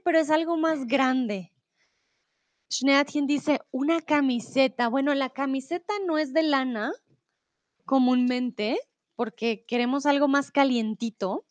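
A woman's voice: high voice, a little mellow, no room sound. A woman teaching a live online class, patiently reading out riddles and answering students' chat replies. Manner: patient, switches between Spanish, English and German to explain; reads riddles slowly and deliberately. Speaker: Spanish teacher.

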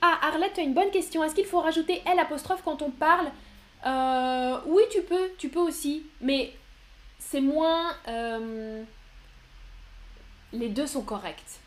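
Woman, teacher, live online lesson, high voice, unhurried, encouraging. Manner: slow, patient, encouraging, reads out viewers' answers. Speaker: French teacher.

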